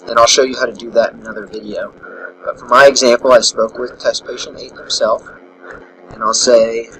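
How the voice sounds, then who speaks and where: Working through a screen tutorial step by step, a male software instructor thinks aloud casually in a level, mid-range voice at a fairly quick pace. The low-quality recording sounds bright, with faint noise behind him.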